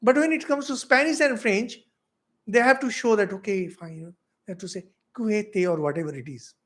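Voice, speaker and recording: A middle-aged Indian man with an Indian English accent, a monk giving a spiritual lecture, asking rhetorical questions with big swings in loudness. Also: sits high, fairly quick. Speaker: monk teaching spiritual philosophy.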